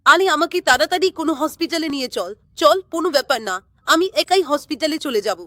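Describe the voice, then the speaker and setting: A woman's voice: high voice, lively intonation, fast talker, sharp tone, no echo. A woman voicing a pregnant young woman in labour pain in a doll story, pleading in a strained way.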